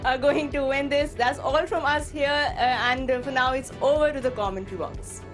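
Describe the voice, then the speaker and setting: Female cricket presenter, brisk, high voice, faint music behind. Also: fairly even intonation, fairly bright tone. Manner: brisk, hands over to pundits. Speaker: studio presenter. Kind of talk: live sports presenting.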